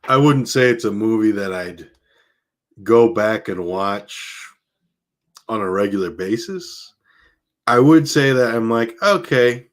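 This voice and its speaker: A man's voice: on the low side, slow pace, long pauses. A man reading a novel aloud on a live stream, then chatting casually with his viewers. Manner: relaxed and chatty, with laughs and fillers between readings. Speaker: audiobook reader streaming live.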